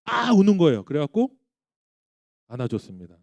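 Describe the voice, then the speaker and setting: A man's voice: on the high side, sing-song, fairly quick, dark tone, dry recording, highs cut off. A man in his thirties, a pastor giving a sermon to young adults, telling stories animatedly and asking the congregation questions. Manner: acts out quoted dialogue in his stories. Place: church.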